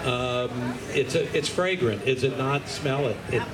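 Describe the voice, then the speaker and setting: A man informally describing auction items to a live audience in a halting, conversational way. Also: medium pitch, a loud crowd. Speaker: auction presenter introducing orchids. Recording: very noisy live event.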